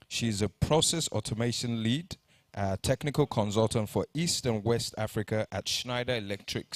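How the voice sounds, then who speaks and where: Standing on stage as the conference emcee, a man reads out speakers' bios and introduces them, adding light jokes and occasionally fumbling a name. His voice is mid-range, captured in a dry recording.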